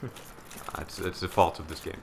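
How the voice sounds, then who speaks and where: A man's voice: deep voice, steady tone, a little slow, slight background noise. A young man commentating a video game with a friend, casual and rambling, often frustrated and swearing. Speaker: let's play commentator. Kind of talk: casual gaming banter.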